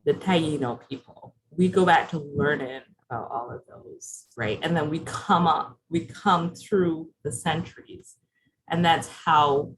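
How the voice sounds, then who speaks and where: Speaking low and at a measured pace, a woman from Barbados leads an interactive presentation by video call, chatting with her audience and questioning them. Crowd noise sits in the background of a low-quality recording.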